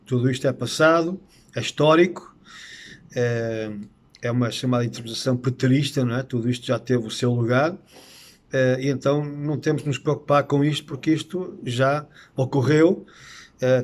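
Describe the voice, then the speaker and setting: A middle-aged man with a European Portuguese accent, teaching about Bible prophecy in an earnest, unscripted way, often pausing on hesitant "eh" fillers. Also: mid-range voice, fairly even intonation.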